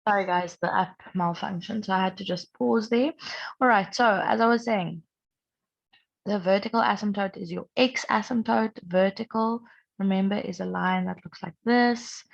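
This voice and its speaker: A young woman maths teacher who is sick and strained, patiently explaining a recorded lesson and clearing her throat often. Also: medium pitch, moderate pace. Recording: dull lo-fi recording.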